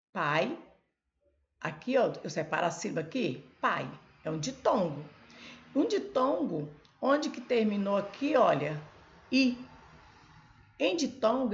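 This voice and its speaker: With a gravelly voice on the low side, a woman explains Portuguese grammar at a board one step at a time, pointing things out and leaning on "olha" and "ó" prompts. The recording has its highs cut off.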